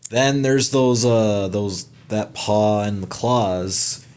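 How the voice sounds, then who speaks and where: A man's voice: fairly low pitch, slow, a little mellow, smooth. A young man hosting a gaming channel, giving a casual, rambling trailer breakdown with many fillers, restarts and casual swearing.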